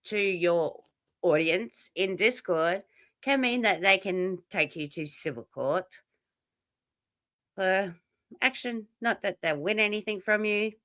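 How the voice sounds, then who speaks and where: Blunt, bright-voiced woman guest. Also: mid-range voice, no echo. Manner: blunt, indignant, swears. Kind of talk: casual livestream chat.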